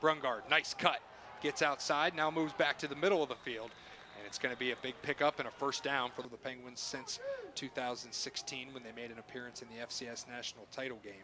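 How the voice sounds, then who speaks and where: A man's voice: medium pitch, fairly even intonation, a little fast, background noise. A man calling live football play-by-play in short phrases that follow the action. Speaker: play-by-play announcer. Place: stadium broadcast booth.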